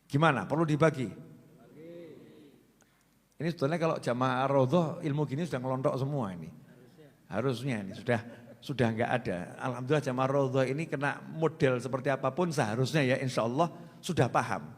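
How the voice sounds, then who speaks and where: A man preaching a sermon in a lively, joking way, swinging from loud to soft. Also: mid-range voice, fairly quick. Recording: long hall reverb.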